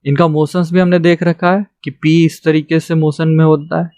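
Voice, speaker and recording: A man's voice: on the high side, level tone, normal speed, a little mellow, no echo, clean studio sound. A young man patiently teaching a shorthand lesson, checking in with "theek hai" after each point. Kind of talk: classroom lesson.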